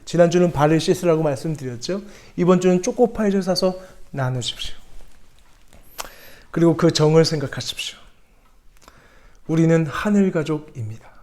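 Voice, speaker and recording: A middle-aged man preaches a sermon as senior pastor, with a voice pitched a little high for a man. He punches single words loudly and then drops to soft, hushed phrases. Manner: emphatic preaching, swinging from loud stressed words to hushed lines.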